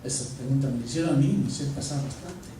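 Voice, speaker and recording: A pastor with a mid-range voice races through a personal story during a sermon, animatedly acting out the dialogue. He's recorded from a distance in an echoey church, with faint noise.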